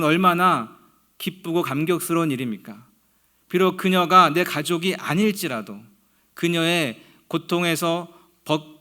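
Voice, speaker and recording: A male pastor delivers a sermon in a voice pitched a little above the usual for a man. He preaches earnestly and slows down whenever he reads scripture aloud. He often lets the end of a phrase sink into a hushed, low tone.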